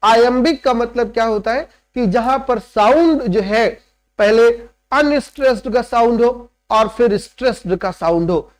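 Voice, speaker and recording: A male literature teacher with a strikingly high voice gives a classroom lecture, explaining each point step by step and mixing English terms into his explanations. He keeps pausing to make sure students are following, often asking "right?"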